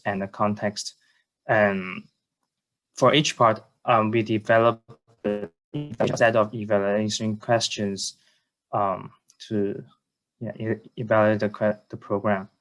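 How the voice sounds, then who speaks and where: A man presents formally on a video call as a student. His low voice stays very even, and he speaks in a polite, careful way, often hesitating and repeating words. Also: low-quality recording.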